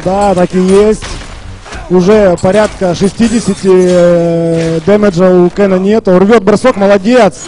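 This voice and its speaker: Male esports commentator, high-pitched voice, informal play-by-play, encouraging interjections, light music behind. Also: fairly even intonation, a little slow, warm tone. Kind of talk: live fighting game commentary. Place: live gaming tournament event.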